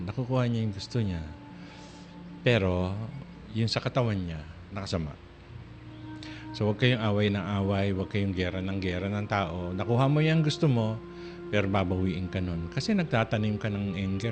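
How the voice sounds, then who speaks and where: A man hosting a radio talk show in a casual, rambling on-air monologue, full of restarts and soft laughs. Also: on the low side, moderate pace. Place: radio studio. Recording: radio broadcast with music playing underneath.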